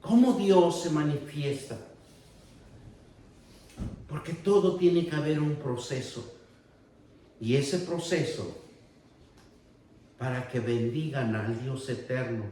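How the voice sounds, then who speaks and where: Male preacher, emphatic sermon delivery, slow pace, distant mic in a booming echoey hall. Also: dark tone, a little hiss or hum. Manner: slow, deliberate preaching with raised emphatic passages. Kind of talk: sermon with Bible reading. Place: church hall.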